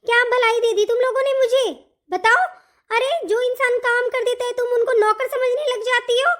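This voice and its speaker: Woman voicing cartoon elder daughter-in-law, indignant, outspoken, complaining, very high-pitched. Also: normal speed. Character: long-suffering elder daughter-in-law finally speaking up. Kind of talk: animated family story voice acting.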